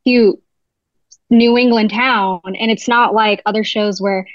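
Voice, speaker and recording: Here the same kind of speaker, a young adult writer from New Jersey guesting on a podcast, keeps up her chatty, "like"-heavy interview talk at a slow pace. Her pitch is medium and her tone steady. The audio sounds dry and muffled.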